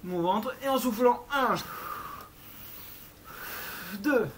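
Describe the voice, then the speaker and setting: A woman's voice: fairly high pitch, very slow, slight background noise. A woman coaching a workout in a chatty, encouraging way, counting reps aloud and exerting herself as she talks. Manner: chatty, encouraging, thinking aloud with little filler sounds. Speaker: fitness instructor leading a workout.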